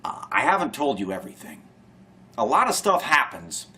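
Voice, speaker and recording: A man's voice: medium pitch, big pitch swings, moderate pace, bright, forceful tone. A young man talking to camera in a rambling, sardonic monologue, sighing often and trailing off mid-thought. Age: young adult. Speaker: vlogger.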